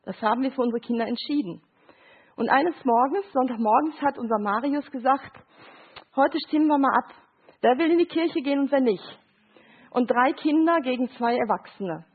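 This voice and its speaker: A middle-aged woman with a high, husky voice lectures as a grief counselor. She walks listeners through picture cards, acting out short quoted voices and often checking in with a quick "Ja?". The sound is thin and phone-like. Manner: explains with short examples and quoted voices, asks "Ja?". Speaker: grief counselor giving a talk.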